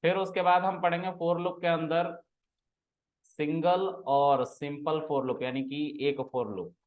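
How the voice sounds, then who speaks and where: A man's voice: on the high side, level tone, a little slow, phone-quality sound. A man teaching a programming class, casually quizzing and teasing his students in a classroom. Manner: teasing, asks students questions and scolds them.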